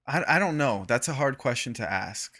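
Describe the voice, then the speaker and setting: A man's voice: medium pitch, expressive, normal speed, pushed and bright. A young man co-hosting a podcast in casual chat, laid-back and slangy, laughing often and trailing off. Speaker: podcast co-host.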